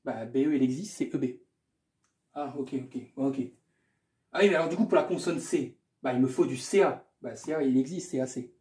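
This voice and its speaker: A man's voice: medium pitch, fast talker, a little mellow, reverberant. A man tutoring math, working through an exam problem aloud in a casual way, repeating himself and adding small asides. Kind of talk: explaining a math exam correction.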